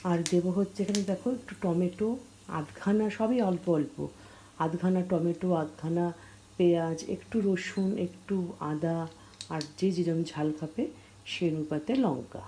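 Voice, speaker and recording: A woman quietly walking viewers through a recipe in her home kitchen at dawn, keeping her voice low so the family can sleep. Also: steady tone, low-quality recording. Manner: speaking softly and slowly so as not to wake the household. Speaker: cooking vlogger. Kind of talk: casual cooking vlog. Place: home kitchen, early morning. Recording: clear cooking noise under voice. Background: frying and sizzling from the pan.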